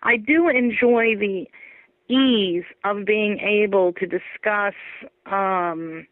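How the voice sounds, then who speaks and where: A woman author telling her story in an animated, laughing way during an interview. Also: medium pitch, slow pace, no echo. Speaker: author guest. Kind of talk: interview over phone. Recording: tinny phone line, dry.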